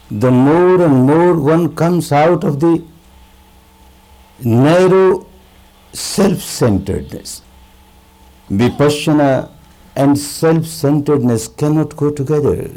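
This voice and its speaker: A male meditation teacher delivers a spiritual discourse in a fairly high, creaky voice. He speaks very unhurriedly, repeating key words for emphasis and leaving deliberate pauses between short phrases. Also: warm tone, poor audio.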